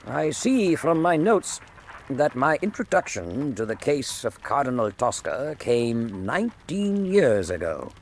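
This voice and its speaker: Doctor Watson, expressive gentleman. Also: mid-range voice, slight background noise. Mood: reflective, grave. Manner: measured, formal storytelling. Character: Doctor Watson, genial Victorian gentleman, old soldier. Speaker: narrator and character. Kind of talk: radio drama narration and dialogue.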